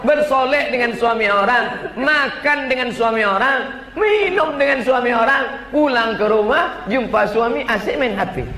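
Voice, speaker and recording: A man's voice: extremely high pitch, lively intonation, normal speed, few pauses, bright, forceful tone. A man giving a humorous sermon, mocking as he counts out lists. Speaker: preacher. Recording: echoey, distant, noisy.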